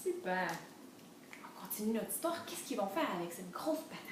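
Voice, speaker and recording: A woman reading a picture book aloud to toddlers, with a sing-song storytelling manner and slow, letter-by-letter teaching of syllables. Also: medium pitch, big pitch swings, noisy background. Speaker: children's librarian reader. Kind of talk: enriched read-aloud for toddlers with phonics teaching. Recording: echoey room, mic at a distance.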